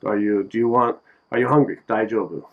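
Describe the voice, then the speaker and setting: A man giving a casual lesson on simple phrases, relaxed and joking, repeating each word so it can be drilled. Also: fairly low pitch, a little fast, narrow, tinny audio. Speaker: language teacher. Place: Japan.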